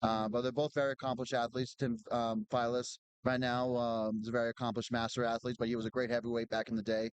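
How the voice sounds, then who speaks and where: A man's voice: medium pitch, level tone, quick pace, few pauses, smooth, dry recording, low-quality recording. A man commentating live at a strongman competition in a chatty, knowledgeable way, often restarting his sentences. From Boston area.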